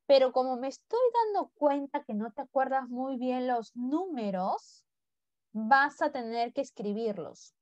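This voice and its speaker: A woman's voice: high voice, unhurried, darkish tone, dry recording, highs cut off. Coaxing woman teacher drilling words. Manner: coaxing, drills pronunciation by repeating. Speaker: English teacher. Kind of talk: online class instruction.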